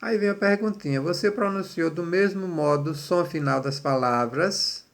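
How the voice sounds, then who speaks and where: A man's voice: high voice, moderate pace, creaky. A man teaching a third-grade language lesson, patiently spelling out syllables and praising pupils. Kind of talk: remote classroom lesson.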